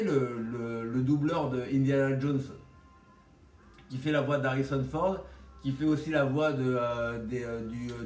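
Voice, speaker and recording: A man's voice: medium pitch, darkish tone. A man with a slight lisp and whistled S sounds, rambling bluntly and casually in slang like a vlogger. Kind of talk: casual vlog monologue. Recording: roomy echo, distant microphone.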